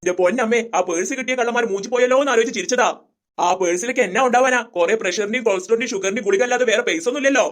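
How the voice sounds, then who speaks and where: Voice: mid-range voice, rapid-fire, lightly acted. Someone playing a cheeky teasing son. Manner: mocking, playful. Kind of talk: comedy skit.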